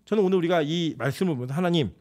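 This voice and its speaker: Male pastor, 40s, quick and lively sermon delivery, high and very expressive pitch, conversational storytelling. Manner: animated, conversational preaching with quoted asides. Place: church sanctuary.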